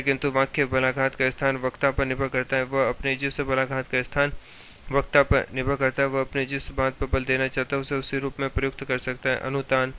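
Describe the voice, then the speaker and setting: A man teaching Hindi grammar, reading steadily from textbook notes in an even tone. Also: medium pitch, clean tone.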